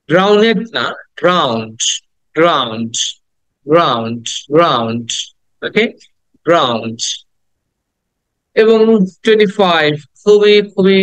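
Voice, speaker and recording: A man teaching English pronunciation in an online lesson, repeating each word slowly and carefully between quick explanations. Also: fairly high pitch, clear, resonant tone, no echo, dull audio. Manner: slow careful repetition of model words, quick explaining asides.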